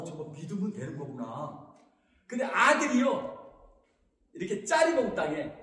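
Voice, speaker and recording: A male pastor preaching an animated sermon, asking the congregation questions and answering them himself. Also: very high-pitched. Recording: echoey hall from far off.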